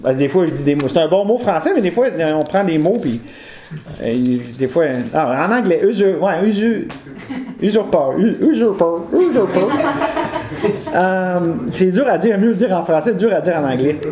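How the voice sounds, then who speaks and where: A man's voice: sits high, animated, moderate pace, crowd noise. A man preaching an informal sermon to a congregation, talking in a chatty way, digressing with humor and correcting himself. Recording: roomy echo.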